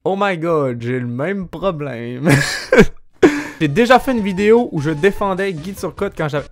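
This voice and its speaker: Animated Québécois man, slightly high voice. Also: unhurried. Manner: animated, swears casually, laughs often. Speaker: YouTuber host. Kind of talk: casual vlog commentary.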